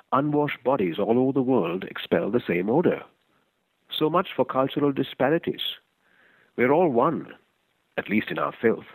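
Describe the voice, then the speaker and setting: A man reading a first-person short story aloud in a measured, reflective way. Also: mid-range voice, no echo, rough recording. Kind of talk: scripted story narration.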